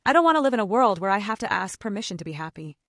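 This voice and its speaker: A woman's voice: mid-range voice, sing-song, very fast, fairly bright tone, no room sound, clean studio sound. A woman voicing a grown son who speaks to his mother in a firm, direct way. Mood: resolute.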